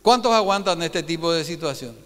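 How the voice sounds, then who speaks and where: A man preaching a Sunday sermon as pastor, animated and keeps putting rhetorical questions to his congregation. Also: on the high side, a little fast, big-room sound. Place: church hall.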